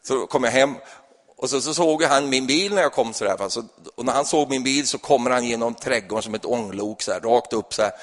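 Male pastor, storytelling sermon, mid-pitched, long church reverb. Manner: lively anecdotal, keeps adding a questioning tag. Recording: echoey church hall.

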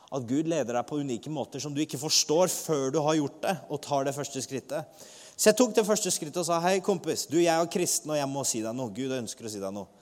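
Male preacher, lively testimony storytelling, voices the people he quotes, long hall reverb. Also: medium pitch. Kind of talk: testimony sermon.

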